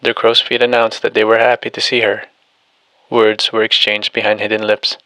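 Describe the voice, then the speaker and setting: A man with a low, flat voice narrates an audiobook. He reads each character the same way, with hardly any rise or fall. The sound is close and dry. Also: moderate pace, no room sound, rough recording. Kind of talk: scripted narration reading all characters.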